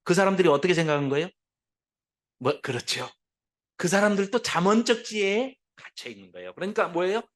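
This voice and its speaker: A man lecturing a Bible class, lively and full of rhetorical questions put to his listeners. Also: sits high, fairly quick.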